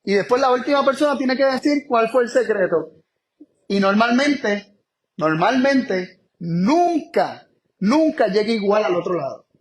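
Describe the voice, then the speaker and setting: With emphatic delivery, a man preaches a Bible study sermon, repeating key phrases and shifting between slow, stressed words and rapid asides. His voice is high-pitched and expressive.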